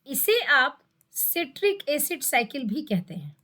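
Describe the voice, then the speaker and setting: A woman gives a biology lesson for exam students, her voice sitting high. She explains step by step, repeats terms for emphasis and poses questions to herself before answering. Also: very animated, measured pace, pushed and bright. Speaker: biology teacher. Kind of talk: exam-prep lecture.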